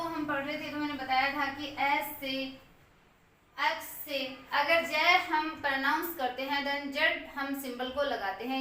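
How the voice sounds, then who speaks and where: A woman teaching English pronunciation in Hindi, repeating each word slowly as a drill. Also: high voice, sharp tone, a little hiss or hum. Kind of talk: Hindi-language pronunciation lesson. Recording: echoey room from a distance.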